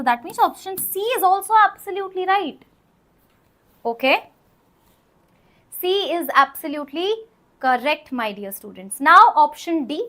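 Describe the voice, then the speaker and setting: Casting: female maths teacher, North Indian accent, very high bright voice, emphatic live-lesson delivery with repeated phrases. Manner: emphatic, repeats phrases, checks understanding with questions. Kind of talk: live online exam-prep lesson, working through problems aloud.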